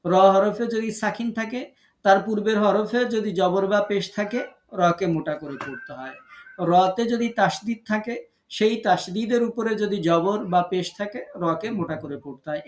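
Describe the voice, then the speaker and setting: A man teaching Quran recitation rules in an online lesson, patiently repeating each rule and drawing out example words slowly. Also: sits high. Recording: echoey room.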